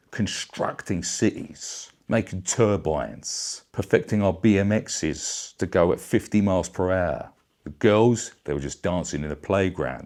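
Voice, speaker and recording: A man's voice: very deep voice, darkish tone. A middle-aged man delivering a brash, bawdy satirical comedy rant. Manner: brash, bawdy, blokey banter. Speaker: vlogger.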